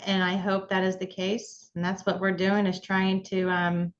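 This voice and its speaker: A woman interviewing a guest for a charity fundraiser, gentle and affirming. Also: mid-range voice, monotone, normal speed, dull audio. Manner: gentle, affirming, with short yeahs. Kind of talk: interview questions.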